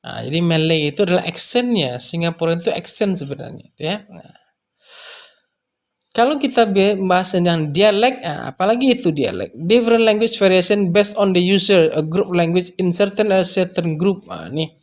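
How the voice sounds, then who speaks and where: A man's voice: high-pitched, expressive. Brief: male language teacher, patient lecture delivery, repeats examples, filler-heavy. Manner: unhurried, repeats example words, many fillers. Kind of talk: explanatory lecture.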